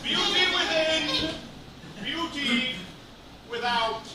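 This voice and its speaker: A man's voice: extremely high pitch, sharp tone, far from the mic, pitched above the performer's own voice, exaggerated voice. A man playing a vain, preening pretty boy in boastful, theatrical live character comedy, recorded in an echoey, noisy room. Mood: grandly vain. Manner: boastful, drawn-out theatrical delivery. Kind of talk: absurd live character comedy with crowd work.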